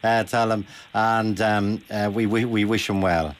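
An Irish man hosting a radio phone-in conversationally, with halting, repeated, emphatic phrases. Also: on the low side, level tone.

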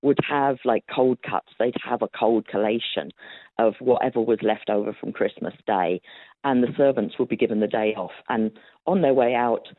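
The guest, a woman historian with a bass voice, speaks at normal speed as she answers interview questions. She tells stories chattily, laughs often, and uses plenty of fillers, heard through a dry, tinny phone-like recording.

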